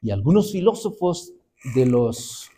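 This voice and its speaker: A man in his 50s preaches to his congregation, telling stories and acting out the quoted voices. His medium-pitched voice is warm and sing-song, and he keeps a measured pace while addressing the people directly.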